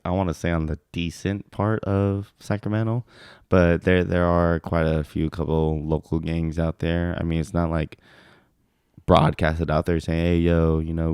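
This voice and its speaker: A young man with a very deep, even voice speaks as a podcast guest in casual chat. His tone is dark and smooth, and he rambles in a relaxed way, full of fillers. The recording is dry and close. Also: moderate pace, dry recording. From California, USA.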